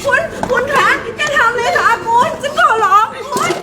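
A distressed street-food auntie begs for mercy in a piercing, very high voice. A noisy crowd surrounds her in this drama skit. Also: normal speed. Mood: pleading. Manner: pleading, shrill. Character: distressed middle-aged woman street food vendor. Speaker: street vendor.

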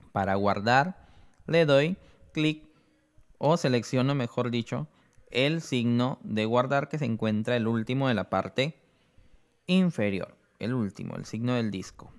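A man presenting an app tutorial, explaining each step slowly and checking in with the listener. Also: mid-range voice. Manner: explains slowly, often adds "¿no?".

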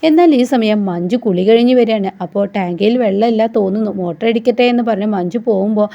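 A woman's voice: medium pitch, fast, creaky, dark tone. A woman casually retelling a soap episode in a chatty, conversational way. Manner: chatty, conversational, with frequent tag words. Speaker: TV serial recap narrator. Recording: slightly dull lo-fi audio.

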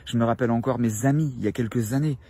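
Salesy man pitching outdoors by phone. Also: racing, dark tone, husky. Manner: salesy, filler-heavy pitch. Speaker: online coach in an ad. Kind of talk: selling pitch to camera. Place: outdoors in a park. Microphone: phone at arm's length.

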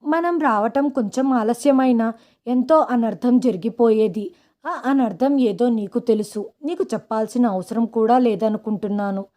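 Give me a cold, threatening man giving orders, read by a woman in a soft, mellow tone. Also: fairly high pitch, moderate pace, lightly acted. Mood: stern threatening. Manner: stern, commanding.

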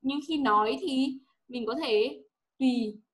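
A woman teacher with a Vietnamese accent coaches a pupil's English pronunciation. Her voice sits a little high, and she is patient, saying each word again and again for the pupil to repeat. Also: slow pace. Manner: patient, repeats words for the student to echo.

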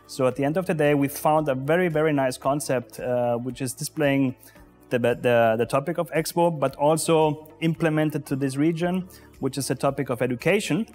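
A man in his forties, a pavilion official, answering interview questions in a halting way with many filler sounds, recorded on a lapel mic inside an exhibition hall. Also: on the high side, a little mellow, soft background music. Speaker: pavilion deputy commissioner general.

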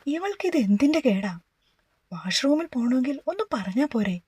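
A woman's voice: high voice, very animated, moderate pace, warm tone, breathy edge, no room sound, exaggerated voice. A woman voicing a scolding young husband. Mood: irritated. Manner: scolding, then coaxing. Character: young husband, short-tempered but caring.

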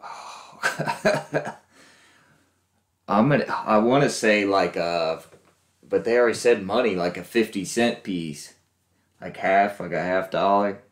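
A man hosting a reaction video, guessing aloud with lots of laughs and unsure pauses. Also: on the low side, roomy sound. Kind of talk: casual reaction commentary.

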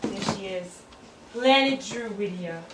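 A woman's voice: medium pitch, slow pace, lightly acted. Woman as formal villain's officer, echoey and distant. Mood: deferential. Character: obedient, straight-faced military officer aide to villain. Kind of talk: amateur film parody acting. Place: small cluttered home office. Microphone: camcorder from a few feet away. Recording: echoey room, distant camera mic, noisy.

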